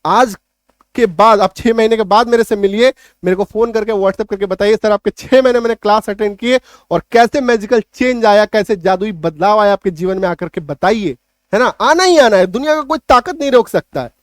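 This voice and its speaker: A man teaching an online spelling lesson in English, emphatic, slowly drawing out example words and checking often that students follow. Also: high voice, no room sound, studio quality. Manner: emphatic, repeats key points with rhetorical checks.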